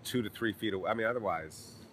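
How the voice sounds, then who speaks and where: A man hosting a casual podcast, a stand-up comic who talks in a relaxed way with lots of "uh" fillers. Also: fairly low pitch, quick pace, a little hiss or hum.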